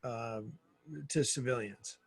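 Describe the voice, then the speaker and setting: A middle-aged man, a guest in an interview, telling energetic stories and acting out the dialogue in them. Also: medium pitch, slow, no echo. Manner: energetic storyteller who acts out quoted dialogue. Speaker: guest, former Navy SEAL and author. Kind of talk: casual interview storytelling.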